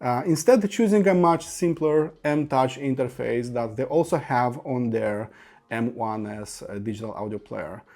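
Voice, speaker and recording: A product reviewer with a darkish, medium-pitched voice walks through audio gear at a moderate pace. His scripted review is detailed and enthusiastic, with the occasional filler.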